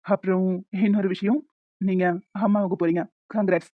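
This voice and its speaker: A woman voicing a calm female doctor in a cartoon story, giving steady advice. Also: medium pitch, a little fast, no echo, natural voice. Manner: calm, advising. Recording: dull lo-fi audio with faint music.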